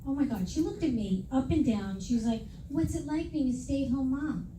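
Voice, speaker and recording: With a voice that sits high and a moderate pace, a middle-aged New Yorker works a comedy crowd, brash and self-mocking, performing the people in her anecdotes in raised voices. The echoey venue is recorded from a distance, with slight background noise and big laughs from the audience.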